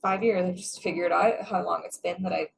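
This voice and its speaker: A young adult actress chatting casually in an interview, rambling with many restarts and frequent laughs. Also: female voice, fairly low pitch, fairly even intonation, fairly quick, vocal fry, a little hiss or hum. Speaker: guest, stage actress.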